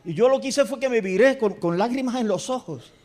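A man preaching a sermon in a church, telling a story and dropping to a hushed voice for repeated prayers. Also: very high-pitched, a little fast. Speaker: pastor.

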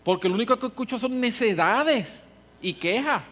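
A man preacher voicing God as a stern divine father who scolds his listeners loudly and emphatically. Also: extremely high pitch, animated, normal speed, heavily acted. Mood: stern scolding. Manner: loud, emphatic, reproachful.

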